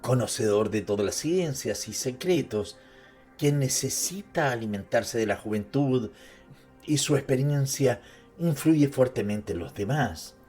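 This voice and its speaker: A man's voice: medium pitch, expressive, measured pace, dark tone, slightly rough. A man giving a dramatized literary narration, speaking directly to the listener with conversational asides. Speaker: narrator presenting an author's life and works. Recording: music behind the voice. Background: music.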